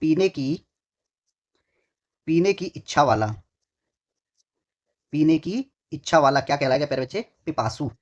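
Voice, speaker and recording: A man's voice: fairly high pitch, lively intonation, unhurried, pauses often. A male exam tutor giving a lesson. He asks questions and answers them himself, repeats phrases several times, and keeps addressing his students affectionately. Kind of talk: online exam-prep lesson. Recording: dull lo-fi recording.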